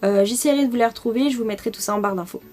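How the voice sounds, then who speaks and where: A woman's voice: on the high side, rapid-fire, darkish tone, soft background music. A young French woman chatting casually through a makeup product review, enthusiastic and full of fillers. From France. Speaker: beauty vlogger.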